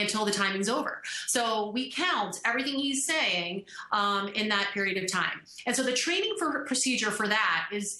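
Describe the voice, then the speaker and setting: A woman's voice: mid-range voice, sharp tone. A woman giving a lecture presentation, talking loosely with fillers and restarts. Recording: echoey lecture room.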